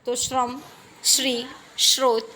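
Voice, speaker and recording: A woman teacher talks through a lesson at an unhurried, deliberate pace. Her voice sits a little high, and she spells words out letter by letter. She asks questions and then answers them herself. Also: little pitch movement, a crowd in the background. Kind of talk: classroom lesson explanation.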